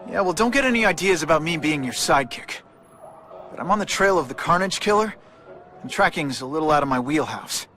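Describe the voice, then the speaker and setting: An actor playing a wisecracking young superhero in a video game, with a casual, sarcastic manner. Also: male voice, a little high, expressive, a little fast, a bit bright, a little hiss or hum. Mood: wry. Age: young adult. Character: wisecracking young male superhero, earnest and quippy.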